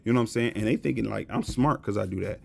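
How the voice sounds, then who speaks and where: A man's voice: on the low side, quick pace, creaky. A man giving a casual, blunt and profane rant to camera, repeating his points with emphasis. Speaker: vlogger.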